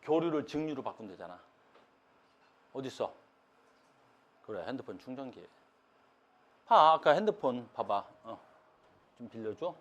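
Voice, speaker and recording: A man teaching high school science in a classroom, talking casually with blunt slang and poking fun at himself in front of the students. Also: animated, unhurried, pauses often, fairly bright tone. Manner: blunt, slangy, self-mocking banter with students.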